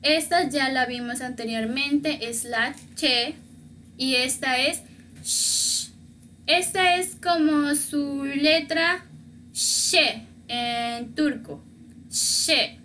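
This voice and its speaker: A woman with a high, bright voice teaches a beginners' language class. She talks at an unhurried pace and repeats each example word slowly and patiently so learners can copy it. A faint hiss of background noise sits under her voice. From Mexico. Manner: patient, repeats words slowly to model pronunciation. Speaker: Spanish teacher.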